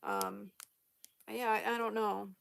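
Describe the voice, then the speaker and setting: A young woman with a slight lisp chats casually to her camera at home, reading viewer comments, laughing often, and using many fillers and restarts. Her fairly high voice shows little pitch movement and comes slowly, creaky and a bit bright, over a little hiss or hum.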